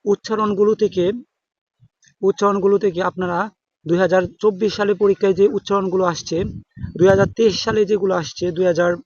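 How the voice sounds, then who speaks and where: Halting young man tutoring, high voice. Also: steady tone, darkish tone, dry recording. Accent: Bangladeshi Bengali. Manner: halting, many fillers and restarts. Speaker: exam tutor. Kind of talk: informal exam-prep lesson. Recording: dull dry close recording.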